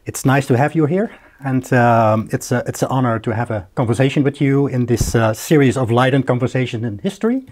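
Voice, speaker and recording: Middle-aged man, interviewer, halting, lots of uh and um, quiet office lounge. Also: medium pitch. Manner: hesitant, many fillers and restarts. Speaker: interviewer, historian. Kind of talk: academic conversation. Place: bright office lounge with shuttered windows.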